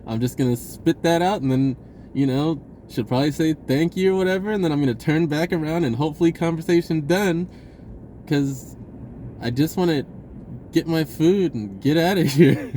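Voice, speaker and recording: A man who vlogs about his own experiences speaks at a normal pace in a fairly high, dark-toned voice. His storytelling is casual, rambling, and slangy, and he acts out pieces of dialogue; there's slight background noise.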